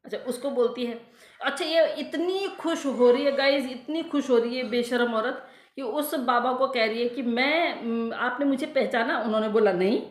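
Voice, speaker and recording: A woman's voice: on the high side, normal speed, roomy sound. A woman vlogger ranting to her viewers in scornful, insulting commentary that keeps circling back on itself. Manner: scornful, insulting, repeats herself.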